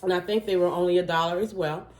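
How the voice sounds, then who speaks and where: A woman chatting casually to her viewers while showing gift totes, her voice a little worn and throaty as she clears her throat. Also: on the low side, steady tone, fast talker, a little mellow, echoey room. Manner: chatty, many fillers, says "okay?" to viewers. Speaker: vlogger, small gift business owner. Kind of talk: casual product show-and-tell.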